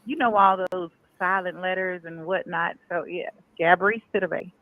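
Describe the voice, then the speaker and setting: A woman's voice: on the low side, steady tone, normal speed. Woman calling in over a tinny phone line. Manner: playful, teasing banter. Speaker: caller. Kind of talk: call-in chat.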